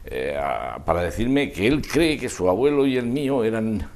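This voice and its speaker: An older man reminiscing in an interview, discursive and halting, often trailing off mid-thought. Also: lowish voice, very animated, a little mellow. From Spain. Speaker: interview guest, festival proclamation speaker.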